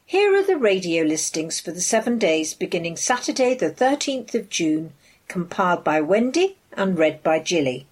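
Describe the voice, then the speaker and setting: A woman reading out radio listings in a lively, animated way. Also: lowish voice, moderate pace, husky. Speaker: listings reader.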